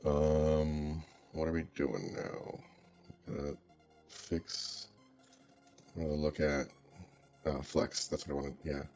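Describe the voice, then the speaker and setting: A man's voice: a bass voice, slow, long pauses, a little mellow, highs cut off, faint music behind. A man talking through a voice changer, rambling and thinking aloud in casual chat while he codes. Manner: rambling, hesitant, muttering to himself with many fillers. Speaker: streamer coding a website.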